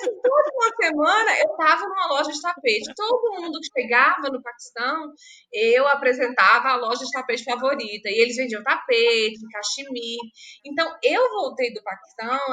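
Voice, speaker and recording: Podcast guest from Brazil, woman, high and sharp tone, lively anecdotal storyteller. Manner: animated, laughs while telling anecdotes. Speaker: podcast guest, humanitarian pharmacist. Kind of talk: casual storytelling.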